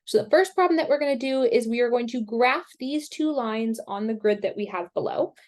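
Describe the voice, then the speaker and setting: A woman teaching a math lesson, talking slowly and patiently through each step, with a somewhat high voice. She pokes fun at her own drawing skills now and then. She has the hiccups. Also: animated, darkish tone. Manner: slow, patient step-by-step explaining with self-deprecating asides. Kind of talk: recorded screen-share math lesson.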